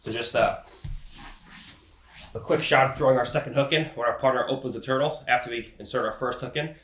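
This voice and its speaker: A grappling instructor with a cold, sniffling as he goes, explains techniques in a casual teaching manner and keeps checking in with "okay." His mid-range voice is fairly bright and a bit fast, and the room is reverberant.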